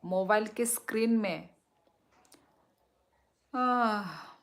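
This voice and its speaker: A young woman from Tripura in northeast India, a native Kokborok speaker, chatting slowly on a live stream as she reads viewer comments aloud and answers them. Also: medium pitch, gravelly.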